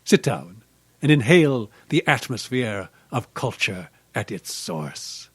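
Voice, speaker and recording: A man's voice: mid-range voice, very animated, slow pace, husky, dry recording, full character voice. An actor playing a grandiose, cultured sculptor and protective father in an old-time radio drama, theatrical and pompous. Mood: pompous, indignant.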